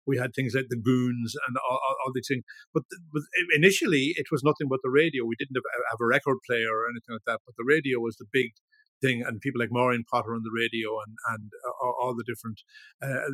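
A man of about seventy with a north-west of Ireland accent, reminiscing casually in an interview in a halting, rambling way that often repeats words. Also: mid-range voice, fairly bright tone, no echo. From Ireland, grew up in Ballyshannon, County Donegal. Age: 70s. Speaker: guest, veteran musician.

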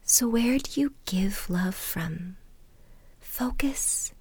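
A woman whispering a soothing guided meditation and a bedtime story in a slow, calm way. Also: mid-range voice, breathy edge, no room sound.

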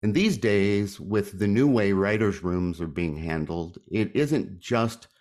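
A man hosting a podcast, chatty and self-deprecating, giving his opinion in a relaxed talk. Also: lowish voice, slow pace. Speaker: podcast co-host. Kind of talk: casual podcast chat and commentary.

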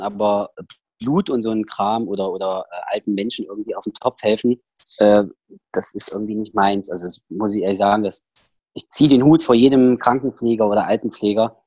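A man with a low-ish, warm voice and a Saxon accent is a podcast guest talking casually over a headset about personal matters, rambling with many fillers and restarts. There is no echo.

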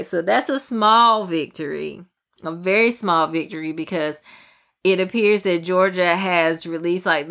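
Southern woman ranting on her podcast. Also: fairly low pitch. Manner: animated ranting with rhetorical questions. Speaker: podcast host. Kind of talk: casual solo podcast commentary.

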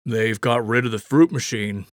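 A man's voice: medium pitch, normal speed, no echo, studio quality, natural voice. A man voicing a secretive, defensive middle-aged man, answering in short, evasive replies. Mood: guarded. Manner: terse, evasive.

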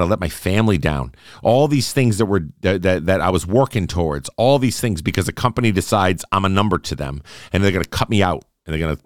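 Low-voiced guy in his 40s doing a solo podcast, earnest and chatty, dry close mic. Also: no room sound. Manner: earnest, conversational, repeats phrases and asks "right?". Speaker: podcast host.

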